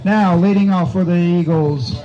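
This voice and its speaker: Brief: male PA announcer over a stadium loudspeaker, high and mellow, dull lo-fi sound from across an outdoor ballpark. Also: fairly even intonation, soft background music. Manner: measured, formal announcing of batters and runners. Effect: heard over a stadium PA loudspeaker.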